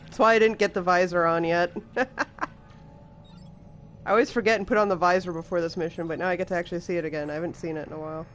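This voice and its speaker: A woman's voice: on the low side, fairly even intonation, fast talker, soft background music. A young woman chatting and laughing as she comments on her own live game play. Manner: chatty, laughs often, reacts loudly to gameplay. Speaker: streamer.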